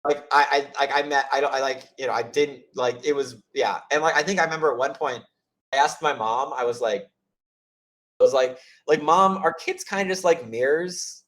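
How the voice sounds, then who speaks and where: A man of middle pitch hosts an informal chat and tells long stories. He rambles, restarts his sentences and leans on "like". When he quotes people he jumps up in pitch to act out their voices. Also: fairly even intonation, a little fast, fairly bright tone. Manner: rambling, heavy use of "like" and restarts. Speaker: host of office hours. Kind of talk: casual storytelling chat.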